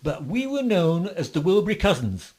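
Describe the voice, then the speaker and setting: An older man, a bass player being interviewed, telling long rambling stories with lots of fillers and restarts. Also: very animated, normal speed, darkish tone. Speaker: guest musician, bassist. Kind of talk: interview storytelling.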